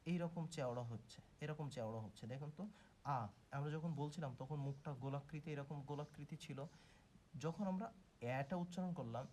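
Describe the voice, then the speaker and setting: A man's voice: on the high side, fairly quick, dark tone, a little hiss or hum. A man teaching grammar in a patient way, asking questions and answering them himself while sounding out vowels. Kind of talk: explanatory video lesson.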